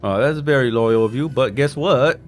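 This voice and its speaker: A gaming streamer speaks at medium pitch and a moderate pace during a casual playthrough, reading clues aloud. His commentary is informal and sprinkled with jokey asides.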